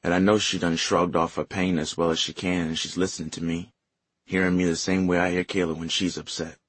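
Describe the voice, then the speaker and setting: A man narrating a novel in first person with a measured, lyrical reading, on a close mic. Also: low-pitched, flat delivery, a bit bright, breathy edge, no room sound. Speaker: audiobook narrator. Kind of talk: scripted narration.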